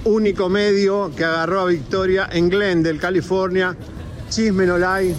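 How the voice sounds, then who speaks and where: Excited high-voiced man shouting outdoors. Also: normal speed, over music. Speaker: entertainment reporter. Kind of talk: street reporting, cheering on a crowd. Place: outdoors outside a theater. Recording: noisy outdoor field recording.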